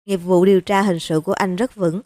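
A woman reading a novel aloud with steady, even pacing. Her tone is warm and mellow. The recording is close and dry, with no room echo. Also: lowish voice, a little fast. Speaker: audiobook narrator. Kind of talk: scripted novel narration.

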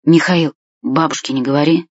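Brief: old grandfather, put on by the storyteller, tired and gentle, sighs a lot, husky tone, dull lo-fi sound. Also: mid-range voice, steady tone, normal speed, no echo, close to an everyday voice. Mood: weary. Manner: weary, sighing.

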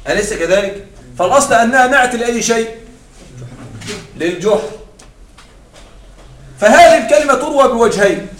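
High-voiced man lecturing in an echoey room. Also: fairly bright tone. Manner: explains step by step, often asks the class to confirm. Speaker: Arabic grammar teacher. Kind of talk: classroom lecture. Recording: echoey room, far from the mic.

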